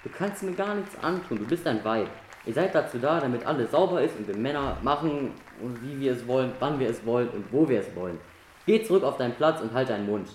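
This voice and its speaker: Actor as an arrogant chauvinist swindler, sneering, radio-drama feel. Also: male voice, mid-range voice, lively intonation, brisk, darkish tone, slight background noise, lightly acted. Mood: mocking. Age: young adult. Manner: smug, condescending, mocking. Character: arrogant young male con man, smug and chauvinist. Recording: echoey room with music behind.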